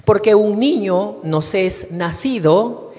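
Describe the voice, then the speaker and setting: Male preacher, unhurried sermon delivery with lively intonation, recorded in an echoing hall. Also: high voice. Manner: addresses the congregation as brothers, reads scripture aloud. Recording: long reverb of a hall.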